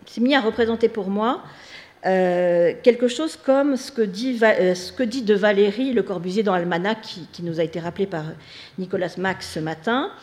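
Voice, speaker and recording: A woman's voice: medium pitch, moderate pace, darkish tone. A woman giving an academic talk, hesitant, with many fillers and restarts. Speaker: lecturer. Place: lecture hall.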